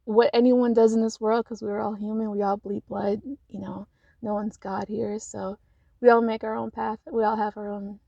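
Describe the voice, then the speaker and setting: A woman's voice: mid-range voice, flat delivery, normal speed, creaky, no room sound, dull audio. A woman vlogging casual life advice from her parked car, rambling with lots of fillers and frequent laughs.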